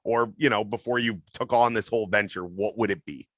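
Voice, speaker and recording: A man's voice: on the low side, a little fast, fairly bright tone, no echo. A man hosting a casual streaming interview, asking long rambling questions in a friendly way. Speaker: podcast host.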